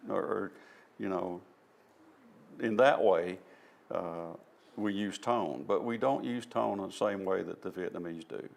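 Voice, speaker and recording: A man's voice: low-pitched, measured pace, gravelly, pauses often, a little mellow. A man with a Southern US accent giving an informal presentation at a church, explaining things step by step in a folksy, self-deprecating way. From American South. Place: church hall.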